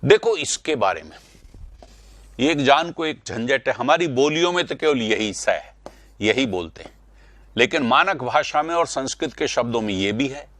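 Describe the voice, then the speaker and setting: A man's voice: medium pitch, lively intonation, normal speed, a bit bright, no room sound. A man teaching Hindi spelling and pronunciation in an online class, repeating words to stress the correct sounds and correcting students directly. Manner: addresses students directly, correcting their answers.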